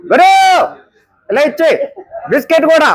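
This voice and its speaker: A man bantering and teasing people at a tea stall, joking and exclaiming loudly. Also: very high-pitched, lively intonation, moderate pace. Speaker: vlogger. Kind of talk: playful street banter.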